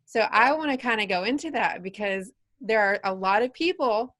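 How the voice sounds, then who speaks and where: A woman's voice: mid-range voice, lively intonation, moderate pace, fairly bright tone. A woman in her forties hosting a podcast, talking in an earnest, coaching way and probing her guest with questions. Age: 40s. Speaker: podcast host. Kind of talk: casual interview.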